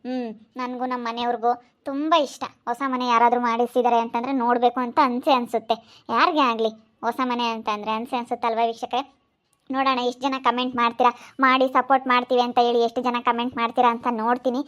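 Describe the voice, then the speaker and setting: Speaking quickly in a fairly high, level, slightly bright voice, a woman with a rural Karnataka Kannada accent talks to her audience. Her tone is pleading as she repeatedly urges viewers to subscribe and support her.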